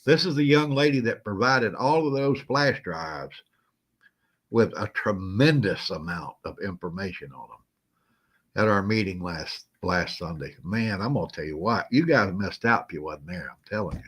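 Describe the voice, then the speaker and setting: Guy hosting his live chat, folksy and chuckly, feeling kinda slow today. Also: deep voice, expressive, a bit bright, breathy edge. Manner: folksy, chuckling, greets viewers by name. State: feeling unwell, moving slow. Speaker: host of a live stream. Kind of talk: casual live-stream chat.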